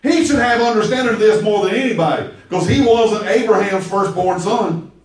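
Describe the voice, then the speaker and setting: A pastor preaching an emphatic, storytelling sermon and calling on his listeners. His voice is high for a man. It rings out across a very echoey church sanctuary, picked up by a mic some way off. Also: normal speed. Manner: emphatic, call-and-response, storytelling. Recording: very echoey hall, mic far off.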